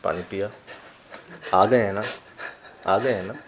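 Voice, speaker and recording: A man hosting an interview. He speaks calmly and reassuringly, then asks probing questions one at a time. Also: fairly low pitch, measured pace, noisy background. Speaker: host and interviewer. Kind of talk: conversational interview.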